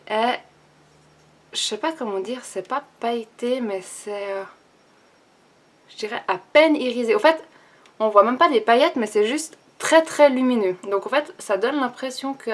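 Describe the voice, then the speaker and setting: Chatty young woman doing a makeup tutorial. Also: medium pitch. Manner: chatty, thinks aloud with many fillers and restarts. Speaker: beauty vlogger. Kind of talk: casual makeup tutorial and review.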